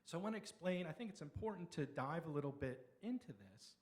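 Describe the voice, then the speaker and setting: A middle-aged man from Pennsylvania giving a conversational slide lecture on history, with explanatory pauses and restarts. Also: fairly high pitch, big pitch swings, darkish tone. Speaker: local history speaker.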